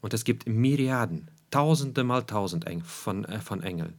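Man, sermon, emphatic preacher, repeats key phrases, rhetorical questions, lively rising and falling pitch. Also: moderate pace.

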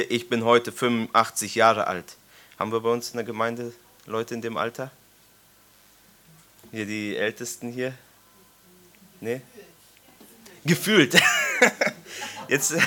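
A man's voice: mid-range voice, sharp tone. A man in his thirties preaching to his congregation, reading scripture aloud and joking with listeners through questions. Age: 30s. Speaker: preacher leading a Bible study. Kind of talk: informal sermon with scripture reading. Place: church congregation gathering.

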